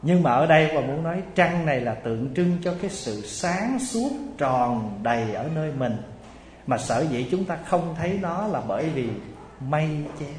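A man giving a sermon in a slightly high voice. He tells the story with animation and switches voices for the characters. The hall is echoey, with faint ambient sound behind him. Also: normal speed, a little hiss or hum. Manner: animated storyteller acting out voices, laughing with the audience. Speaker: Buddhist monk giving a dharma talk.

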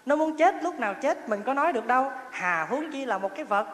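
Speaking at a quick pace in a very high-pitched, expressive and fairly bright voice, this monk keeps his dharma talk light and funny. He tells stories, laughs a lot and regularly puts questions to the audience, while the large hall adds long reverb and faint ambience.

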